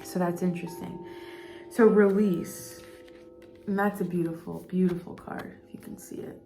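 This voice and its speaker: A woman with a somewhat low voice gives a casual spiritual card reading. Her tone is mellow and soft, and she meanders, repeating words as she thinks aloud. Faint music plays in the background. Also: steady tone, normal speed. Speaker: intuitive card reader.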